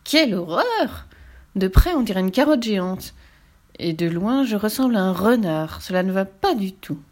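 A woman's voice: medium pitch, expressive, unhurried, dark tone. A woman doing a fussy, dramatic big wolf. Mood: dismayed. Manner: exclaiming, dramatic, drawn out. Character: fussy big male wolf, vain and displeased.

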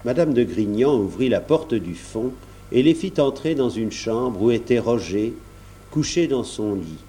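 A man narrating a storybook in a steady, measured way. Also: medium pitch, a little hiss or hum.

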